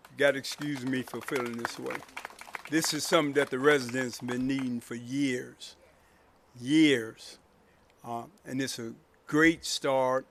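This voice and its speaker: A man who leads his village, speaking off the cuff at an outdoor podium, halting and choked up with emotion, pausing often on "uh". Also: mid-range voice, a little hiss or hum. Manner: halting, full of "uh" pauses. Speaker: village president. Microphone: podium microphone.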